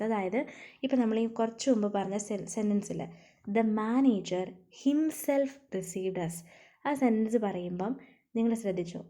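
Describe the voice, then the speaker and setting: A woman English teacher with a Malayali accent, explaining grammar rules in a lecture. She dictates English slowly and then explains quickly, repeating key phrases with strong emphasis. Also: mid-range voice, mellow. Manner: switches between slow dictated English and rapid Malayalam explanation.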